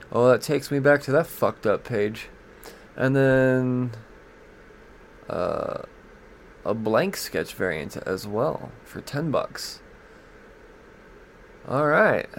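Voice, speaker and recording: A man's voice: mid-range voice, a little hiss or hum. A man hosting a comics podcast, going over new releases in casual, profane, joking talk and stumbling as he reads blurbs aloud.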